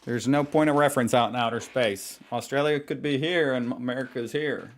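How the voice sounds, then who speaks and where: A man hosting a reaction video, delivering sarcastic, deadpan commentary. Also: medium pitch, a little fast.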